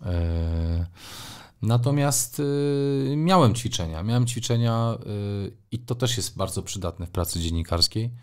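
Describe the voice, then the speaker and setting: A man's voice: medium pitch, expressive, unhurried. A middle-aged man, a sports journalist, answering interview questions thoughtfully, with frequent hesitations and fillers.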